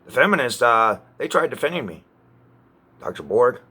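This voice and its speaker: A man ranting to camera in an agitated, profane way, often halting and restarting. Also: mid-range voice, very animated, sharp tone, slightly rough. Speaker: vlogger.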